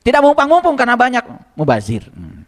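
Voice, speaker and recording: Very high-voiced male preacher. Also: wildly swooping pitch, fast. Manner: asks the congregation rhetorical questions; conversational, repeats phrases for emphasis. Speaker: religious teacher. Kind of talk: sermon.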